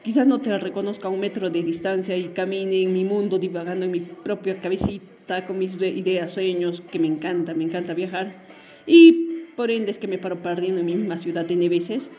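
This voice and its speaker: A woman's voice: on the low side, fairly even intonation, fairly quick, warm tone, soft background music. A woman telling a personal story as a podcast host, in an earnest, emotional way. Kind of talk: personal monologue.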